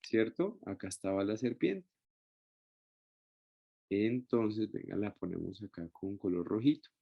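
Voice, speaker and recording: A man's voice: fairly low pitch, unhurried, gravelly, slightly rough, muffled recording. Man leading a Bible study. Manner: keeps checking in with the group with short tag questions; explains step by step with many restarts. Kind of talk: Bible study lesson with a shared screen.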